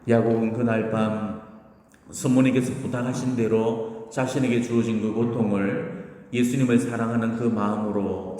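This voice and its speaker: A man's voice: medium pitch, a little mellow. Man preaching in a reverberant church. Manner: earnest, exhortative, retells stories with acted quotes. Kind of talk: sermon. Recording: echoey church hall.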